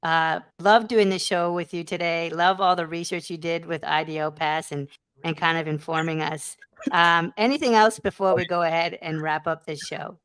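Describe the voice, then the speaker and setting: A woman hosts a casual online talk show, her voice sitting on the low side. She speaks effusively, piling on praise and shout-outs, recorded dry and close. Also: fairly even intonation, normal speed, clear, resonant tone, dry recording. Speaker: show host. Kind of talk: casual podcast chat.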